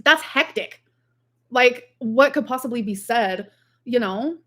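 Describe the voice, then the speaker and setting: She speaks slowly in a fairly bright, animated voice on the high side. It's relaxed livestream chatter where she wanders between topics, reads viewer comments and leans heavily on "like."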